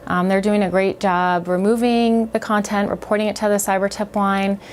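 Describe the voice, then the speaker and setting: Female agency official, mid-pitched, conversational interview with filler pauses. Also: little pitch movement, slight background noise. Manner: conversational, with frequent "um"s. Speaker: child-protection agency official. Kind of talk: interview answer.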